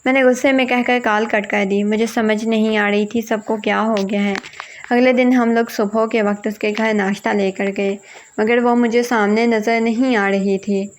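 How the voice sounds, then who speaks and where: A woman's voice: a little high, fairly even intonation. A woman reading a first-person family drama aloud, voicing every character in her own voice. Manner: reads all parts in one voice, quoting family members plainly. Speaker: story narrator. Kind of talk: first-person storybook narration.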